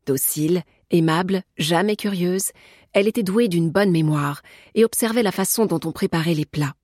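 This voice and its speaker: Husky, low-voiced woman narrating a novel. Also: dry recording, studio quality. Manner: measured, even storytelling. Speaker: audiobook narrator. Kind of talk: scripted narration.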